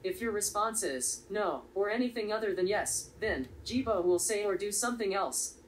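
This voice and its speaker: Woman walking thru a coding tutorial, calm explaining voice, sounds a little distant w/ light hiss. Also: mid-range voice, moderate pace. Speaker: tutorial presenter. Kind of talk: step-by-step software tutorial narration. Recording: slightly distant voice with faint background noise.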